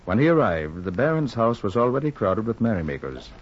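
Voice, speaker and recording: A measured gentleman narrator. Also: lowish voice, big pitch swings. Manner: measured storytelling. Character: gentleman narrator recounting the tale at a party. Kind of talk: 1940s radio drama narration. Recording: muffled 1940s radio with crowd murmur behind.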